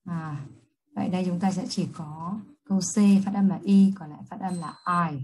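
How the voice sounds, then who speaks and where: A woman English teacher with a Vietnamese accent, reading test questions slowly and then explaining each answer quickly. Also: on the low side, steady tone, darkish tone, low-quality recording. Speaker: high school English teacher. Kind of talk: exam review lesson.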